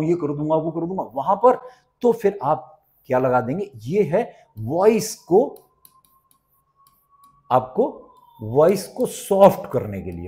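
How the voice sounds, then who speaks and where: Lively Indian male English teacher. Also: a little high. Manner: explains in Hindi, repeats English phrases very slowly and clearly. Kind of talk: spoken English lesson.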